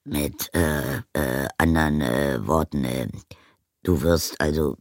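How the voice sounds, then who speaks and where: Brief: a fumbling, earnest male blacksmith, low and gravelly, halting speech, read by a man. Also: dry recording, studio quality, full character voice. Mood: hesitant. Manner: stammering with many fillers, low grumbling voice. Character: hesitant, earnest village blacksmith, grown man. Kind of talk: audiobook character voice.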